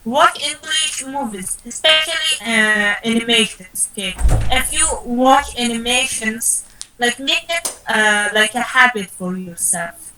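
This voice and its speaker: A woman's voice: a little high, unhurried, pushed and bright, slight background noise, rough recording. A woman mentor advising students in an online session, encouraging and repetitive, with many fillers and restarts.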